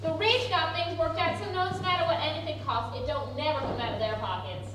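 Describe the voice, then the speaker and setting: Woman playing a high-voiced cranky folksy mother, echoey stage. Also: fairly quick, lightly acted. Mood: indignant grumbling. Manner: folksy, grumbling, colloquial speech. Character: cranky, worn-out working-class mother, folksy and opinionated. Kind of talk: theatrical stage acting. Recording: distant, very echoey, noisy stage recording.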